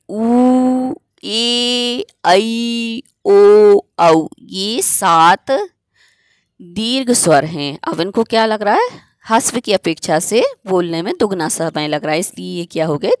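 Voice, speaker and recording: A woman's voice: lowish voice, expressive, a little slow, no room sound. A woman teacher giving a grammar lesson, explaining step by step and asking herself questions before answering them.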